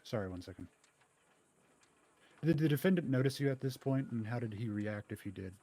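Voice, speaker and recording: Man playing a brisk, formal courtroom questioner. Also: medium pitch, animated, dark tone, natural voice. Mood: formal, probing. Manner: formal, probing. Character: male trial lawyer, formal, methodical questioner. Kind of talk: improvised courtroom role-play questioning.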